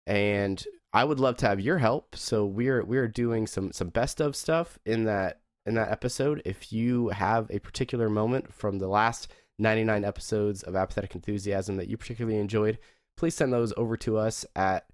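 A sick, hoarse man co-hosting a podcast over a video call, joking at his own expense. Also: lowish voice, dry recording, clean studio sound. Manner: self-mocking, laughs often. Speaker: podcast co-host. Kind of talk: casual chat.

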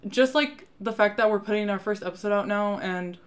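A woman's voice: medium pitch, a little fast. A woman with a Valley Girl accent chatting casually as a podcast co-host, peppering her talk with "like" and "literally". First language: bilingual. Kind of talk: casual chat.

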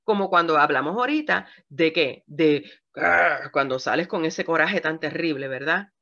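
A woman's voice: sits low, normal speed. A woman pastor preaching a sermon to women, asking her listeners questions as she goes. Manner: lively preaching, asks the audience questions. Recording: dull lo-fi recording.

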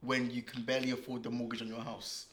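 A young man talks at a rapid clip in a London roadman accent. His speech is casual and thick with street slang, with a boastful streak as he banters like a podcast co-host. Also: mid-range voice, monotone, fairly bright tone. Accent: London, urban slang-heavy roadman. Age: young adult.

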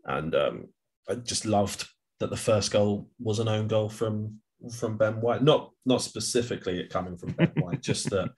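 A man's voice: fairly low pitch, normal speed, a little mellow. A man co-hosting a podcast, chatting casually about football, rambling with lots of restarts and fillers. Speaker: podcast co-host.

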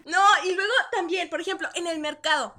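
A woman from Chihuahua with a northern Mexican accent, telling lively anecdotes in casual chat and laughing often. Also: very high-pitched, fairly quick. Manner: animated, laughs often while telling anecdotes, acts out dialogue.

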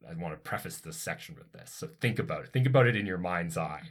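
A man's voice: low voice, lively intonation, fast talker, slightly rough. A man co-hosting a casual educational chat, explaining science with enthusiastic, digressive asides. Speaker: podcast co-host explaining science.

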